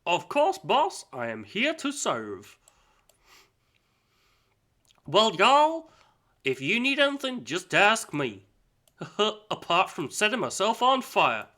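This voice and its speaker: A man with a cold voicing a loud, eager servant in a rough attempt at a Southern US accent. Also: high-pitched, wildly swooping pitch, takes it slowly, voice pushed up, full character voice. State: has a cold.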